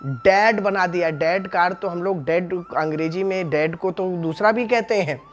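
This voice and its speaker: A man's voice: sits high, normal speed, faint music behind. A male religious teacher giving a devotional discourse, addressing the listeners as friends and sounding out syllables one by one to make his point. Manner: explains Hindi sounds by voicing each syllable; addresses the audience as friends, asks rhetorical questions.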